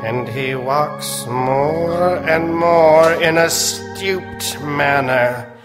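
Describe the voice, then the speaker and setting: An actor playing a macabre doctor who hosts and narrates old-time radio horror, in a theatrical, ominous manner. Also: male voice, fairly high pitch, very slow. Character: macabre, leisurely male doctor telling eerie tales. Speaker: host and narrator. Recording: echoey theater stage, organ music behind. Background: organ music.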